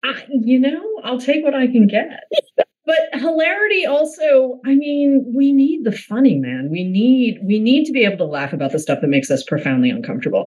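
A middle-aged woman from the Boston area hosting a podcast interview, chatty and quick to laugh, with rambling asides. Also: sits high, big pitch swings, darkish tone, lo-fi sound. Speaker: podcast host. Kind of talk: casual interview chat.

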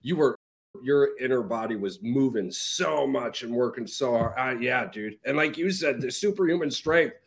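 A man's voice: mid-range voice, lively intonation, normal speed, vocal fry. A man co-hosting a podcast, reacting in casual chat with swearing and amazement. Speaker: podcast co-host.

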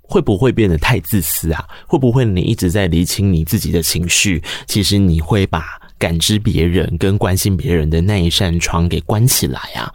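A man with a Taiwanese accent speaks in a low register, recorded close and dry. He hosts a reflective interview, talking earnestly and confidingly. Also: normal speed, few pauses, no echo. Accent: Taiwanese Mandarin. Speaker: interviewer, podcast host.

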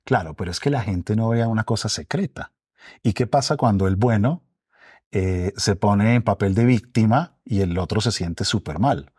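A man co-hosting a podcast, explaining ideas in measured phrases and repeating key words. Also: lowish voice, darkish tone, husky, dry recording, studio quality. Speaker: podcast co-host. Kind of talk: reflective conversational commentary.

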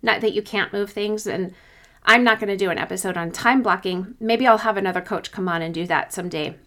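A woman speaks as a podcast host and coach in a conversational solo style. She gives advice informally, with an encouraging manner. Her voice sits at an average pitch for a woman. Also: fairly quick, pushed and bright.

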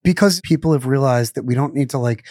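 In a relaxed interview, this middle-aged chef talks fast in a medium-pitched, slightly mellow voice, wandering off track with frequent fillers and self-corrections. He was born in Israel and grew up in Pittsburgh, and the sound is dry and clean, studio-grade.

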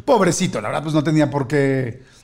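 Animated high-voiced Mexican man telling stories. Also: a little fast, vocal fry. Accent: Mexican Spanish. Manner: animated, acts out family voices with shouts and laughter. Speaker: podcast host. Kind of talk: casual storytelling.

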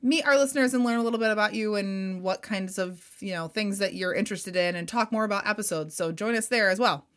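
A woman co-hosting a history podcast, explaining in a measured way, with some vocal fry. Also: mid-range voice. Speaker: podcast co-host. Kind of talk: casual history podcast discussion.

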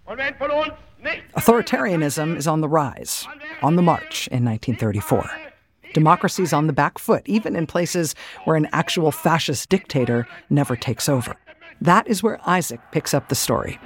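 A man hosting a podcast, reading a measured scripted introduction. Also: on the high side, lively intonation. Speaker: podcast host. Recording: crowd noise behind the voice. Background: crowd noise.

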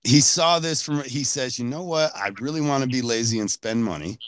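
A man hosting a casual interview, rambling with halting restarts. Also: medium pitch, no room sound. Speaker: podcast host.

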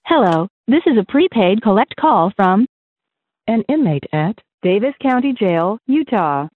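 Woman, automated collect-call prompt, payphone call line, lively rises and falls, tinny phone sound, dry. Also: medium pitch, a little slow, dry recording. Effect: jail payphone call line.

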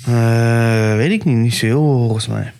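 A man at an everyday middle pitch chats easily, keeping his replies short. He drops dry one-liners in an unhurried, casual way. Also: gravelly, a little mellow, slight background noise. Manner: laid-back, short replies and dry quips. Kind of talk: casual chat.

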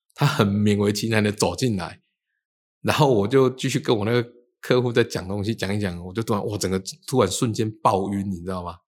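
A man tells his stories at a rapid clip in a low-set voice. He slips into the voices of the people he quotes as he goes. It is relaxed, chatty storytelling. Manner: animated, acts out quoted dialogue. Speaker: feng shui teacher. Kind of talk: casual storytelling chat.

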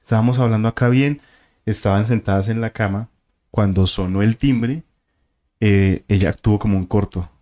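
A man's voice: on the low side, fairly even intonation, moderate pace, dark tone. A man, a guest telling a vivid story and acting out the voices and sounds in it. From Colombia. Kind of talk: casual storytelling of a paranormal experience.

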